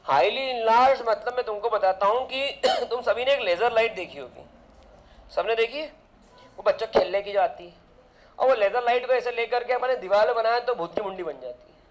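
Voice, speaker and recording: A man's voice: high-pitched, poor audio. A man teaching physics in a casual lecture, drifting into chatty side rants and firing rhetorical questions at his students.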